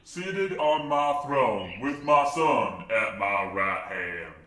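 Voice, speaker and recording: A grand ancient God in a comic radio play. He proclaims at a very slow, solemn pace. The tone is bright and forceful, wrapped in heavy echo. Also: mid-range voice, animated. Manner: stately, proclaiming. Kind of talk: old-time radio comedy acting. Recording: echoing reverberant voice effect.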